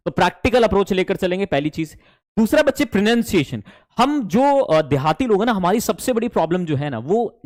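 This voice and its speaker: A young adult man with an Indian accent, teaching an online spoken English class in an animated way and mixing English phrases into Hindi. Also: high voice, no room sound, studio quality.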